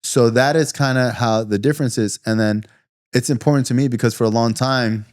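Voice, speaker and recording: A man at an average pitch, talking in a relaxed, rambling way full of "like" and "you know." He sounds close and dry, with no room around him. He comes across as a podcast guest chatting openly. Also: a little fast, no echo. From South Florida. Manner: loose and conversational, many fillers and asides. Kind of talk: casual interview talk.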